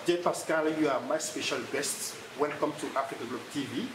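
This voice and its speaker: A man hosting an interview, asking formal, slightly halting questions. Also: a little high. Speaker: interviewer, host. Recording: roomy room with clear ambient noise.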